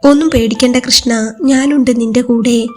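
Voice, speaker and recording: Woman voicing a gentle young man lover. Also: very high voice, moderate pace, soft background music. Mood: tender. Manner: soft, steady, reassuring.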